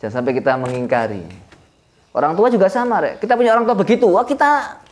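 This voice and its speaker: Animated East Javanese man teaching. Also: fast talker, slight background noise. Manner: lively storytelling with sudden rises in pitch and chuckles. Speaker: Islamic boarding school leader teaching a classical text. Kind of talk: informal religious lesson to students.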